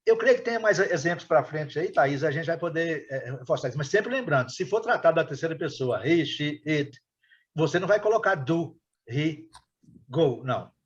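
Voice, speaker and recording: A man's voice: on the high side, lively intonation, fairly quick. Hesitant man teaching online, muffled audio. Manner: hesitant, repeats words, many fillers. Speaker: English teacher. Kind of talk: online class explanation.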